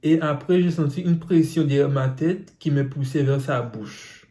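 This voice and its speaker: A man's voice: a little high, normal speed, warm tone. A man reading out viewer secrets on his phone and reacting to them with teasing asides. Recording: roomy echo.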